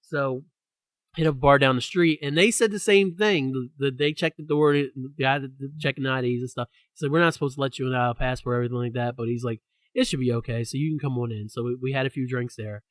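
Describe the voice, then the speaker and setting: A young man hosting a podcast, telling a story in a lively, ranting way. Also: medium pitch, fast talker, no echo. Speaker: podcast host. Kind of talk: casual chat.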